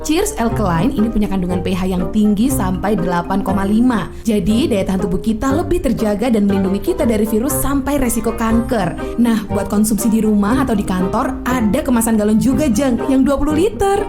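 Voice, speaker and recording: A woman's voice: medium pitch, animated, a little fast, natural voice. A woman playing a chatty, enthusiastic friend recommending a product in a scripted radio ad. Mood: chatty, persuasive. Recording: music behind the voice.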